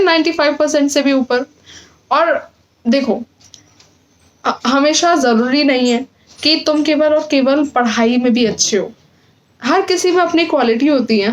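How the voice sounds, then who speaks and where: A teenage girl with a high voice speaks straight to her fellow students. She sounds earnest and encouraging as she reassures them. She often pauses on fillers and restarts her sentences. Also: low-quality recording. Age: teens. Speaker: student vlogger. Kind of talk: casual advice talk to camera.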